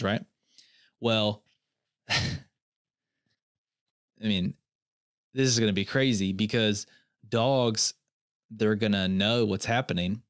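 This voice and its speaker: A man's voice: fairly low pitch, no room sound, studio quality. A young man hosting a comedy podcast, rambling in a mock-earnest way and often restarting his sentences. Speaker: podcast host. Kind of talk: comedic solo podcast monologue.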